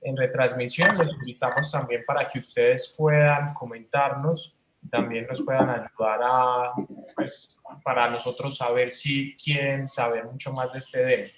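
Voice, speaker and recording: A man's voice: medium pitch, little pitch movement, unhurried, fairly bright tone, slight background noise. Man hosting a livestream in an echoey room. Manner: loose, filler-heavy, addressing viewers. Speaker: host of a community livestream.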